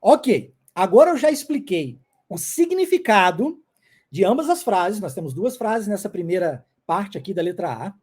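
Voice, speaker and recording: A Brazilian man in his forties teaches English in a video lesson, his voice high for a man yet mellow and dark in tone. He speaks insistently and drills phrases over and over. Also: big pitch swings, moderate pace, breathy edge. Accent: Brazilian Portuguese. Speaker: English teacher and language school founder.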